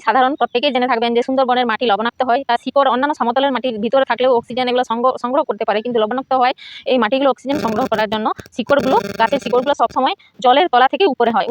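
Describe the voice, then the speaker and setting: A woman's voice: high voice, a little hiss or hum, rough recording. A woman, hosting an informational video and explaining things directly to her viewers. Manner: rapid explanatory delivery addressing viewers directly. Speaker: channel host.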